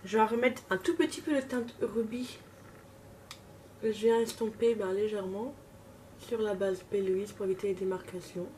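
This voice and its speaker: Woman beauty vlogger, self-mocking and relaxed, casual tutorial talk; distant mic, noisy room. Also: medium pitch, normal speed. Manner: chatty, self-mocking, talks while working. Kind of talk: casual makeup tutorial chat. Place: home, at a makeup table.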